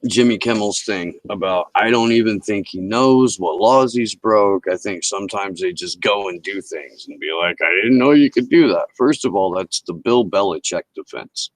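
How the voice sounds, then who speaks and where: A man's voice: on the low side, normal speed, hardly any pauses, no room sound, low-quality recording. A middle-aged man hosting a livestream, ranting casually and profanely into a headset mic. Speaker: livestream host.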